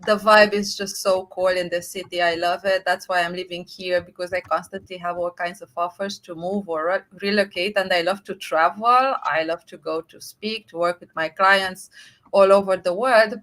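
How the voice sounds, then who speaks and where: Romanian-accented woman guest, bright tone, eager and rambling on a video call. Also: fairly low pitch, normal speed. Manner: enthusiastic, rambling with frequent fillers. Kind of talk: conversational interview.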